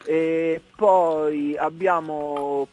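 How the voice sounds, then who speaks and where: A man's voice: on the high side, steady tone, drawn-out words, a little mellow. A man with a Roman Italian accent chatting casually as a guest on a radio phone-in, sounding a little far away down the line. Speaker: band member, phone-in guest. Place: on a phone call to a radio show. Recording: distant-sounding phone call.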